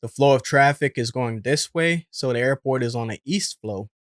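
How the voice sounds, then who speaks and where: Man, explanatory host narration, medium pitch, close mic, no room echo. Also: normal speed. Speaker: host and commentator. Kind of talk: explanatory voice-over commentary.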